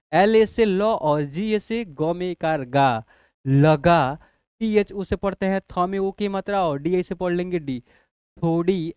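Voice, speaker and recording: Spelling out letters one at a time, this male English teacher patiently asks his class if they're keeping up during a lesson on spelling. He has a high-pitched, darkish voice that comes across clear and resonant. It's a dry, studio-quality recording.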